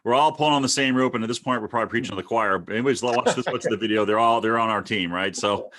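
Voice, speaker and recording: Fast-talking middle-aged male host. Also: mid-range voice. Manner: rapid and animated, with frequent restarts and repeats. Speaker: host, marketing consultant. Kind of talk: casual interview chat.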